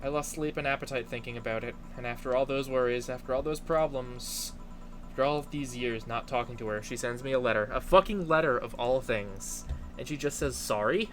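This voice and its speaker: A man's voice: mid-range voice, fairly quick, soft background music, lightly acted. A man voicing an anxious, irritable young woman bartender in a game, with a stammering, dramatic delivery. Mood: exasperated, angry. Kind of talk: hobby video game voice-over.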